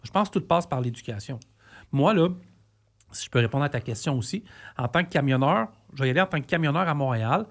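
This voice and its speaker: A man's voice: mid-range voice, animated, quick pace, a bit bright. A man in his forties with a Québécois accent speaks in a mid-range voice, sharing his view as a truck driver. He talks in earnest and rambles, often restarting his sentences in loose podcast chat. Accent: Québécois French. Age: 40s. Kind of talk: casual podcast discussion.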